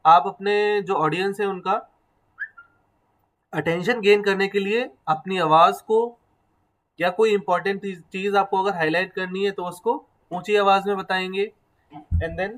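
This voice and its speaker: A man with a fairly high voice gives a classroom lecture. He explains step by step, mixing English phrases into his talk. He stops often to put questions to his students. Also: steady tone, unhurried, a bit bright, poor audio. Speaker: teacher.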